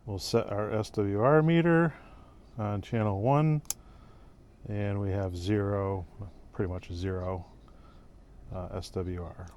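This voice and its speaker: Speaking slowly and pausing often, a man with a fairly low voice explains CB radio gear he's testing for his vlog, one step at a time and in plain, informal terms. The audio is lo-fi, with constant background noise and vehicle sounds.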